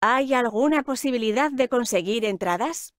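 A woman reading short travel phrases slowly, repeating each one word by word in a careful drill. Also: on the high side, animated, no echo, studio quality. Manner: slow, careful, clearly enunciated. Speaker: language teacher voice.

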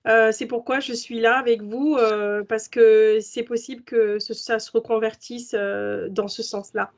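A woman's voice: on the high side, fairly even intonation, unhurried. A woman in her forties introducing herself in a webinar, stammering and repeating words. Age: 40s. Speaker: webinar participant. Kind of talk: casual online meeting chat. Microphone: video call. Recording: dull lo-fi video call audio.

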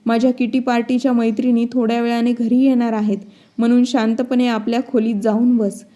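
A woman's voice: a little high, flat delivery, brisk, warm tone, natural voice. A woman voicing a rude, bossy young daughter-in-law who orders her mother-in-law around. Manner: scolding reading.

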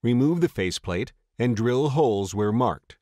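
A man reading a scripted voice-over for a step-by-step installation tutorial, in a steady, measured way. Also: medium pitch, no echo, studio quality. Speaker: tutorial narrator.

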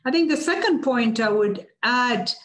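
A middle-aged woman from Tanzania answering seminar questions on a video call, measured and full of fillers. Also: a little high, animated, fairly bright tone. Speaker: guest speaker, UN official. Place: office with banners behind. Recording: roomy video call audio.

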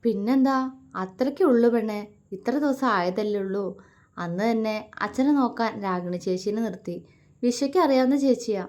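A young husband full of tenderness, gently mocking his wife and then softening into warm reassurance. A woman narrator puts him on in a storybook romance reading, with only a light change from her own voice. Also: on the high side, moderate pace, lightly acted. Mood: tender. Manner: playful, affectionate teasing.

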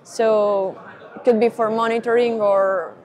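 A woman's voice: fairly high pitch, fairly even intonation, a little slow, a little mellow. Young woman explaining tech. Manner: methodical, explains step by step with fillers. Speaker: perception engineer guest. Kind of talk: trade-fair interview, technical explanation. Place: busy trade-fair booth indoors. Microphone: lapel mic.

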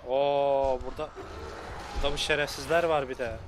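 A man giving let's play commentary as a gaming streamer, cursing and yelling at enemies. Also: medium pitch, steady tone, brisk, noisy background. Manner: swears and yells at enemies.

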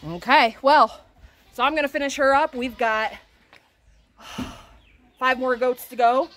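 Recorded on a handheld phone around an outdoor barn and farmyard, a homestead vlogger in her thirties walks viewers through farm chores in a friendly, practical way. She has a high, somewhat bright voice and speaks a little slowly, and there's a slight hiss or hum.

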